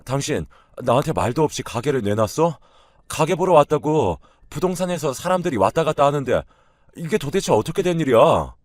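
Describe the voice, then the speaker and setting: A brash cheating husband who turns defensive and loud when cornered, his voice pushed up higher than the reader's own, loud and drawn out, as a male narrator acts him out. A dry, close reading from a storytelling recording. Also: big pitch swings, moderate pace, pauses often, dry recording. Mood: indignant. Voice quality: loud, snapping.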